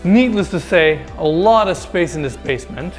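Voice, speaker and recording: A man's voice: a little high, expressive, normal speed, soft background music. Chatty man touring a house. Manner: enthusiastic, chatty, addresses viewers directly. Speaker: home tour host. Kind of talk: casual walkthrough narration. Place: large indoor house basement. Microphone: lapel mic.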